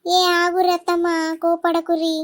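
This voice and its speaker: A woman voicing a gentle young village wife in a cartoon, pleading for calm with a Telangana Telugu accent. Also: extremely high pitch, normal speed. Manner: soothing, pleading.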